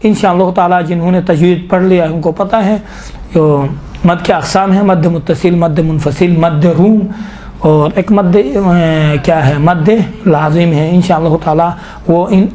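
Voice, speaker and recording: A middle-aged man with a notably high voice teaches a class on Quran recitation. He explains each rule patiently and often breaks into slow, drawn-out recitation to demonstrate. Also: steady tone, warm tone, a little hiss or hum. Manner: explains step by step, slowly recites and repeats verses to demonstrate. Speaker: tajweed teacher.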